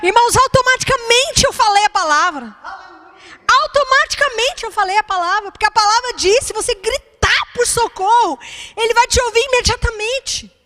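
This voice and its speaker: A woman's voice: very high-pitched, moderate pace, pushed and bright, a little hiss or hum. A woman pastor, preaching a fervent sermon and calling out to the congregation.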